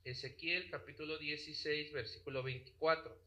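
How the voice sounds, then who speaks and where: Man preacher with a bright, cutting voice and a slightly high pitch, questions the flock often. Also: fairly even intonation, normal speed, poor audio. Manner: asks the congregation rhetorical questions. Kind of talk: sermon.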